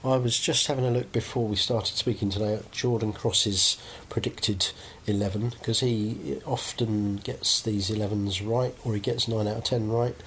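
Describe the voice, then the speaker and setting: A man's voice: on the low side, fairly bright tone, a little hiss or hum. A man hosting a casual podcast chat, hedging often and ending points with tag questions.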